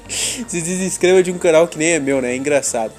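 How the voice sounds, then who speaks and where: A man's voice: on the high side, a little fast, darkish tone, soft background music. A young man with a Brazilian Portuguese accent, hosting a podcast in a crude, slangy, rambling monologue with frequent laughs. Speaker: podcast host. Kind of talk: casual chat monologue.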